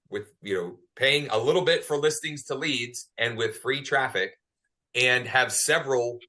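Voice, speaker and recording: A man, a real estate agent, speaking on a webinar in a deliberate, pausing way with fillers. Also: mid-range voice, bright, forceful tone. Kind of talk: webinar talk.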